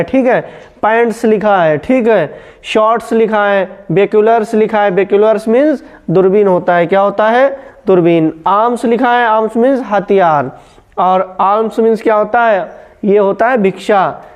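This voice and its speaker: A man's voice: high voice, a little mellow, clear, resonant tone, lo-fi sound. A man teaching a grammar lesson, asking a question and then answering it himself, repeating each word. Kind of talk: classroom-style grammar lesson.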